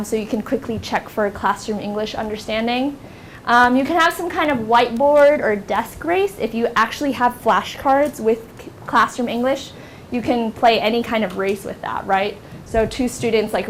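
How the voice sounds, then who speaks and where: A young woman from the United States leading a teacher workshop in a classroom, lively and acting out classroom scenes in a high teacher voice. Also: moderate pace, a little hiss or hum. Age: young adult. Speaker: workshop instructor. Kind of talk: teacher training workshop talk.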